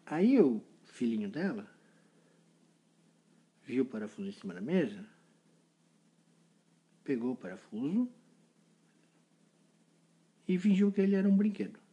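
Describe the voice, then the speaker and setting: Man, playful storyteller, very lively pitch, mellow husky voice. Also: unhurried, pauses often, highs cut off. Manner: playful, animated storytelling with sound effects. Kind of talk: improvised children's story.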